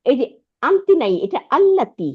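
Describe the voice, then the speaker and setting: Lively-voiced woman teaching Arabic online. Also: high-pitched, moderate pace, phone-quality sound. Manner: patient, repeats and checks understanding. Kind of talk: online language lesson.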